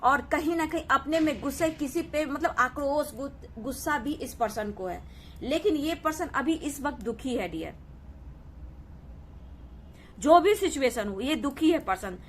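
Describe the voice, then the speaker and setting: High-voiced woman giving a tarot reading. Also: animated, a little slow, slight background noise. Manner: reassuring, repeats "ठीक है" and "dear" often. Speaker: tarot reader. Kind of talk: collective tarot reading to camera.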